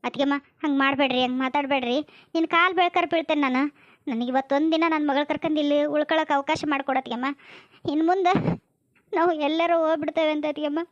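A woman acting out a desperate village mother who begs for shelter in a North Karnataka Kannada accent. Her voice is high and quick, and the recording sounds dry and dull. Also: steady tone, no echo, natural voice. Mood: pleading. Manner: pleading, imploring. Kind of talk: comic village family drama.

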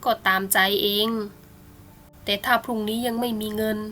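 A greedy rich old man, put on by a woman narrator, sneering and slow with each word. The voice sits fairly high and sounds bright and sharp. The storybook villain talks like he owns everyone around him. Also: flat delivery, faint music behind, natural voice. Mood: coldly scheming. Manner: mocking, slow and smug.

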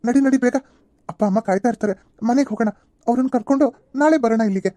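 Woman playing a cartoon young husband, calm and caring, a little high, mellow tone, soft reassuring delivery. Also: fast, no echo, close to an everyday voice. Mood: gentle. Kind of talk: cartoon serial voice acting.

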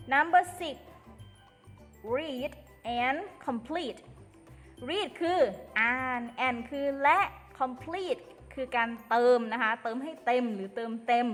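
A woman teaching an English lesson to children, explaining slowly and carefully and addressing them fondly. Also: fairly high pitch, a bit bright. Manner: slow, careful explaining, addresses pupils as "ลูก". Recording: long reverb with faint music.

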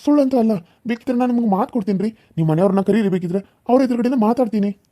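A man's voice: high voice, racing, mellow, natural voice. A man voicing a lovesick, boastful young suitor in a cartoon serial, talking eagerly. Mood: fawning. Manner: eager fawning.

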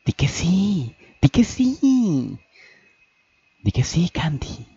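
Un hombre dando voz a Annie, una joven amiga insistente y burlona que da órdenes con desparpajo. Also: male voice, mid-range voice, fairly even intonation, slow pace, dark tone, husky, no room sound, highs cut off. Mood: teasing. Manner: teasing, insistent and bossy. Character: Annie, pushy cheerful young woman friend.

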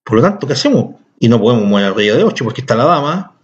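A man's voice: mid-range voice, very animated, very fast. A man teaching a chess lesson, explaining moves with enthusiasm and speaking directly to his viewers. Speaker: chess instructor. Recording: dull lo-fi recording.

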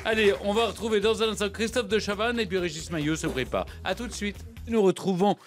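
A man's voice: high-pitched, fairly quick, over music. A man co-hosting a radio show, introducing guests and upcoming segments. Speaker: radio co-host. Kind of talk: radio chat.

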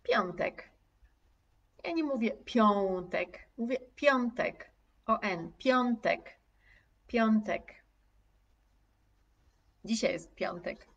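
A woman teacher giving a live online lesson, drawing out every word at a very slow, deliberate pace. She articulates each sound with care and repeats words for her students. Her voice sits a little back from the mic. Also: a little high, animated, creaky, recorded from a distance, muffled recording. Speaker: language teacher. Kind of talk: live online lesson, reading chat comments aloud.

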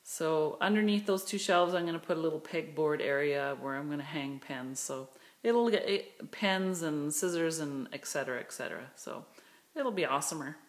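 A woman with a low-sitting voice speaks at a moderate pace while giving a tour of her spacious indoor craft studio. She records on a handheld phone as she walks, chatting eagerly and rambling with fillers about the new shelves and storage, in the style of a relaxed vlog.

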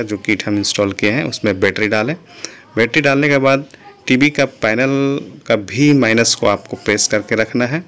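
A man with a low, steady voice teaches a TV repair at his workbench. He explains each step patiently and keeps addressing his viewers as friends. He sounds like a hands-on repair tutor talking beside the set. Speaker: channel host, TV repair tutor.

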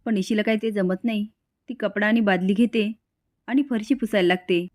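A woman's voice: medium pitch, steady tone, moderate pace. A woman retelling a TV serial episode in story form, voicing each character herself. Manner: voices every character herself in turn. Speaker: serial recap narrator.

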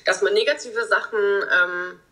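Bright-voiced young woman on a video call. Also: medium pitch, unhurried, rough recording. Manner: open, reflective, with many fillers. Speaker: guest, reality TV contestant. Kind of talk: casual interview over video call.

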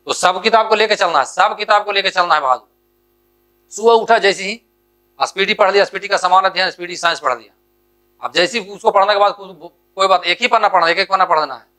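A man coaching exam students, firing off questions and answering them himself. His voice is bright and forceful, a little high for a man. He keeps urging his students on at a rapid clip. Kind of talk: exam strategy lesson.

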